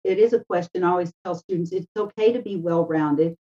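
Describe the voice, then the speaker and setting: Lower-pitched woman guest, slightly muffled. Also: a little fast, warm tone. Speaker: interview guest, education adviser. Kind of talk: conversational, anecdotal interview talk. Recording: slightly dull, lo-fi sound.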